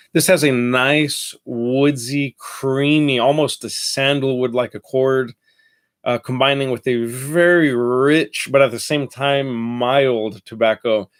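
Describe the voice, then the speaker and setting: With a head cold leaving him congested and nasal, a man of medium pitch chats loosely about a fragrance, rambling and revising his own words along the way.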